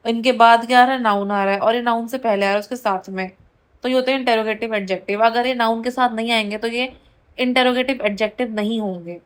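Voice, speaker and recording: Woman, Indian accent, grammar teacher, higher voice, slow reading then quick explaining. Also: steady tone. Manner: reads English rules slowly, then explains quickly. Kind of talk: grammar lesson in Hindi and English.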